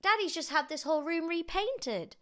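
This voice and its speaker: A woman voicing an excitable, anxious young boy in a children's storybook, exclaiming urgently. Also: very high voice, moderate pace, pitched above the performer's own voice, heavily acted. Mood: protesting.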